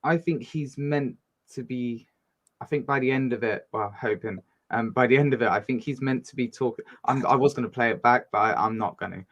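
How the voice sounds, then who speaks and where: Guy, casual reaction host, talks in rambling starts and stops, mid-pitched voice. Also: a little fast, fairly bright tone, lo-fi sound. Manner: hesitant, rambling, lots of ums. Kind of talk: casual chat.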